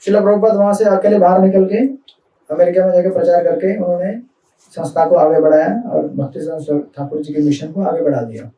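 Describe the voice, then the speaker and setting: A man's voice: high voice, fairly even intonation, fairly quick, dull audio. A man giving a conversational devotional talk in Hindi-mixed speech, asking the audience questions as he goes. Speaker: spiritual speaker. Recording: echoey hall, mic from a distance.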